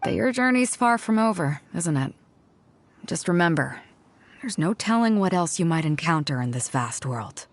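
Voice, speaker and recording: An actress voicing a bold, hearty woman sea captain in a video game, confident and teasing, with a frank, warm-hearted way of talking. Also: lowish voice, lively intonation, moderate pace, slight background noise. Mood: resolute, proud. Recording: music behind the voice.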